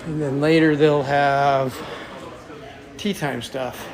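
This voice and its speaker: A man's voice: a little high, fairly even intonation, takes it slowly, crowd noise. A man casually vlogging as he walks through a cruise ship, chatting to viewers as he goes. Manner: chatty, talks to viewers while walking. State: out of breath from climbing stairs. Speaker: travel vlogger. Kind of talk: casual walking vlog. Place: cruise ship interior, stairwells and lounges.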